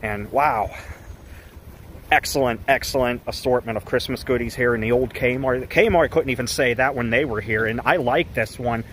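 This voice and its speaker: This is an enthusiastic man talking to his viewers in an easy, meandering way, piling up one thought after another. His voice sits at an ordinary middle pitch for a man. A faint noise hums behind him. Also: steady tone, a little fast, hardly any pauses, a bit bright, rough recording. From Pittsburgh area, Pennsylvania. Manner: upbeat, rambling and reminiscing. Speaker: vlogger. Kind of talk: casual chat.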